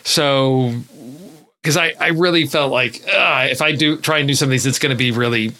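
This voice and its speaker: A man's voice: medium pitch, normal speed, bright, forceful tone. A man co-hosting a movie podcast, chatty and rambling as he explains his picks. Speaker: podcast co-host. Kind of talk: casual movie podcast chat.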